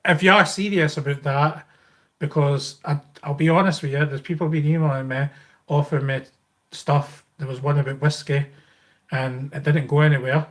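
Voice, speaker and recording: A man's voice: fairly high pitch, fairly even intonation, normal speed. A man with a Scottish accent chatting casually and informally as a livestream host, rambling as he answers viewers. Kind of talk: casual live Q&A chat, reading and answering viewer comments.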